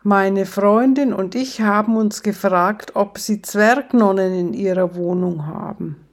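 A woman voicing a cheeky male devil who grins and taunts in a loud, sing-song voice. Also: medium pitch, a little slow, close to an everyday voice. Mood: mocking.

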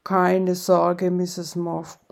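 A woman's voice: on the low side, monotone, extremely slow, creaky, full character voice. A woman voicing a concerned, obliging male undertaker. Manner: concerned, accommodating.

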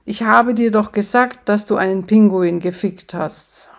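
A woman voicing a cheeky male devil who grins and taunts in a loud, sing-song voice. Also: medium pitch, slow. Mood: mocking.

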